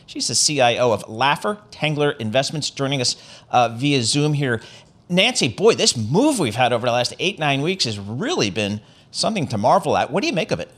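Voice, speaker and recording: A man delivers rapid market news as a radio co-host, in conversational, punchy short phrases. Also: mid-range voice, big pitch swings, fairly bright tone.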